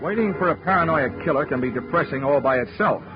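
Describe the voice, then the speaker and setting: An actor with a fairly high, animated voice talks fast and acts lightly as the narrator and lead of a 1940s radio drama. He plays a hard-boiled insurance investigator describing his case with wry, dry wisecracks, heard over lo-fi broadcast audio with music.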